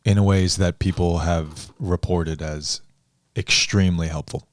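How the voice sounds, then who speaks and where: A man and coach on a podcast conversation, explaining ideas in a measured, thoughtful way. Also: low-pitched, steady tone, no echo, clean studio sound. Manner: measured, thoughtful, deliberate phrasing.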